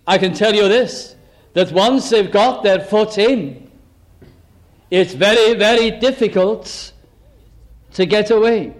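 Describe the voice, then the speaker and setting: An older man preaching a sermon earnestly, slowing down to stress key phrases. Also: sits high, poor audio.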